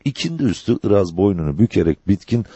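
A man reading a dramatic novel aloud as an audiobook narrator, in an expressive storytelling manner. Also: deep voice, fast talker, husky, no room sound, lo-fi sound.

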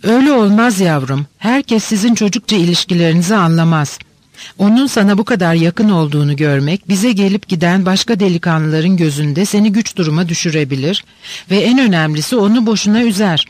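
A man reading the part of an older countess, a gentle and cautious mother who speaks in a calm, advising way. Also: high-pitched, brisk, dry recording. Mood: tender.

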